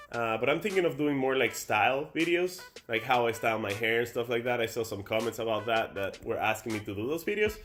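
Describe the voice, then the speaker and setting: Seated and chatting to camera, a young Dominican YouTuber rambles along with lots of fillers and restarts. His voice sits at a medium pitch with a fairly bright tone, and his accent is Dominican Spanish.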